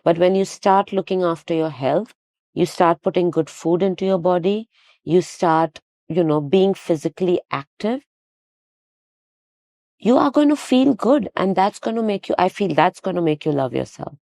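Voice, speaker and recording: A woman, a guest telling lively stories in a casual conversation. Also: on the low side, moderate pace, no room sound, clean studio sound. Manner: animated storytelling with quoted dialogue. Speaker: guest, fitness studio owner.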